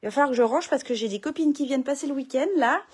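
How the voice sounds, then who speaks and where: A woman's voice: high-pitched, very fast. A middle-aged woman, chatting casually through a papercraft tutorial from her home craft room, full of fillers and restarts.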